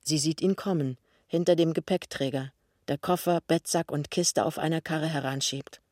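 A man's voice: a little high, fairly even intonation, moderate pace, a little mellow, no echo, studio quality. Man reading a novel aloud. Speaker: audiobook reader. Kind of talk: scripted narration.

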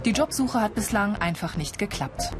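A woman's voice: mid-range voice, lively intonation, moderate pace, music in the background. A woman reading scripted narration for a television news report.

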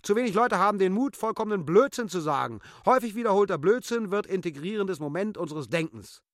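Animated man declaiming literature. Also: high voice, fast, no room sound, clean studio sound. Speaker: reader. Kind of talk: dramatic literary reading.

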